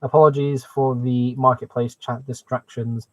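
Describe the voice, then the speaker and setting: A man hosts a casual live stream about his hobby. He talks in an enthusiastic, chatty way at a middling pitch. The microphone sounds muffled, with very little room echo. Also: little pitch movement, normal speed. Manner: enthusiastic, exclaiming.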